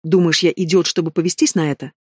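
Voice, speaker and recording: A man's voice: steady tone, quick pace, no room sound, clean studio sound, close to an everyday voice. A man reading a menacing bandit boss. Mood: scornful. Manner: mocking, low and threatening. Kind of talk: audiobook reading.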